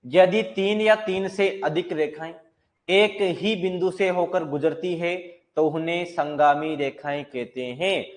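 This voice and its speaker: A male maths teacher talks through a lesson in a fairly high voice. He explains each point step by step and often asks the class a question before he answers it himself. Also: a little slow. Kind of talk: classroom lecture.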